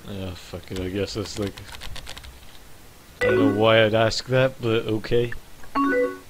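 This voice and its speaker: A man's voice: on the low side, measured pace, music in the background, rough recording. A man commentating a game he's playing, swearing constantly and rambling through his thoughts. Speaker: gaming YouTuber. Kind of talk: let's play commentary.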